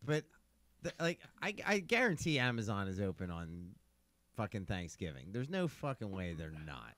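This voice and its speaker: A man's voice: fairly low pitch, big pitch swings, normal speed, a bit bright. Profane, rambling podcast man. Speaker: podcast co-host. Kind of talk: casual banter.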